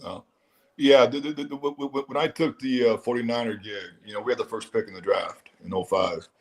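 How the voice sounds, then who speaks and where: A man's voice: mid-range voice, steady tone. Man recalling his front office days. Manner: measured, repeats words as he builds a point. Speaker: former NFL front office executive. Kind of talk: casual sports talk.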